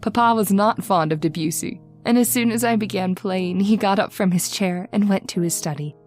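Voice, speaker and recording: A woman acts the part of a twenty-one-year-old daughter, lonely and romantic, narrating in first person in an old-time radio horror drama with a wistful, formal air. Faint music sits behind her mid-range, moderately paced, slightly mellow and lightly acted voice.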